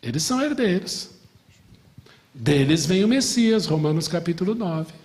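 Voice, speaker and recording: A man from Brazil, a middle-aged pastor, teaching a lively Bible class, asking the class questions and joking. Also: high voice, moderate pace, in a large hall. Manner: animated, asks the class questions and jokes.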